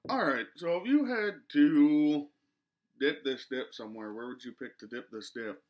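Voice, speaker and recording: A man's voice: on the high side, unhurried. A man in his twenties chatting casually through a product review, speech slightly muffled by a lip full of dip. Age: 20s. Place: small living room, indoors.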